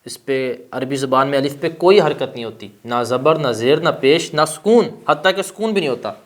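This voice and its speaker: A man teaching an Arabic grammar lesson, who keeps asking rhetorical questions and then answers them himself. He slows down to spell out each example word. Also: medium pitch, expressive.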